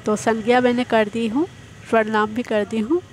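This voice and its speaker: A woman teaching an exam-prep grammar lesson, explaining slowly and repeating each example. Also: on the high side, flat delivery, slight background noise.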